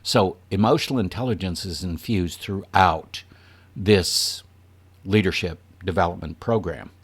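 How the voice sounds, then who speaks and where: A man with a very low, deep voice speaks as a leadership trainer addressing an audience. His delivery is earnest and emphatic, with a light chuckle now and then. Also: a little slow, slightly rough. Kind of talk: presentation to an audience.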